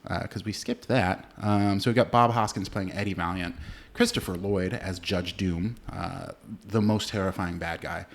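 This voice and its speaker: A man co-hosting a podcast, chatting casually about a movie, relaxed and swearing now and then, with plenty of filler words. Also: low voice, normal speed. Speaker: podcast co-host. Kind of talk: casual movie review chat.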